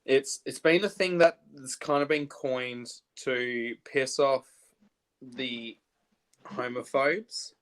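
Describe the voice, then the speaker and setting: A young man hosting a casual makeup livestream, chatty and animated, quick to laugh. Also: mid-range voice.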